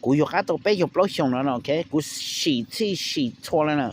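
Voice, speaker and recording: A man hosting a casual talk to viewers, rambling quickly and checking in with "okay?", with English phrases slipped in. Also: on the high side, animated, a little hiss or hum. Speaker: host.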